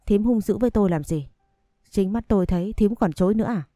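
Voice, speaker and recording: A woman's voice: medium pitch, quick pace, dark tone, dry recording, clean studio sound, natural voice. A woman voicing a spiteful, scheming young woman who mocks and accuses, in a storybook reading over faint music. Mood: accusing.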